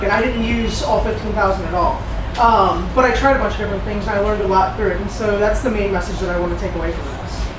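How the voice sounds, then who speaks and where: Rushed young woman giving a lightning talk, very echoey. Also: mid-range voice. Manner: rushed, hurried delivery. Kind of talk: lightning talk presentation on photography. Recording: roomy echo, distant mic, clear noise.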